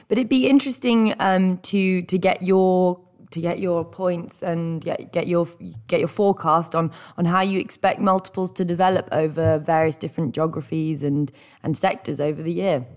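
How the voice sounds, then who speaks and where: A woman's voice: lowish voice, normal speed, a little mellow. A woman speaking as a reporter, putting questions to a guest in a podcast interview.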